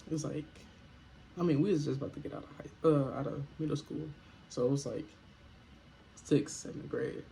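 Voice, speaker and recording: A young man chats through a storytime vlog in a relaxed, slangy manner, cracking jokes as he goes. His voice sits a touch high with a gravelly edge. A faint hiss hangs under the recording. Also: moderate pace, long pauses, low-quality recording. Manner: laid-back slangy storytelling with joking asides. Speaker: vlogger.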